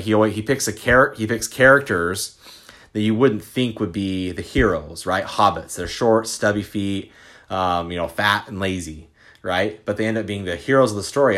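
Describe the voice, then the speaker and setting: A young man with a very low, deep voice shares his thoughts in a casual monologue. He speaks loosely, tagging his points with "right?" and filling gaps with "like" and "um", while a bout of hiccups catches him now and then. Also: fairly bright tone. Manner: loose and conversational, frequent "right?" and "like". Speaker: host.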